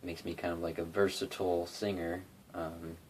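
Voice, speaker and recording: A young man, a YouTube cover singer and guitarist, rambles casually about covering songs in a vlog, with plenty of fillers and restarts. His low, slightly mellow voice barely moves in pitch and keeps a moderate pace. He recorded it on his phone in his bedroom, and a little background noise comes through.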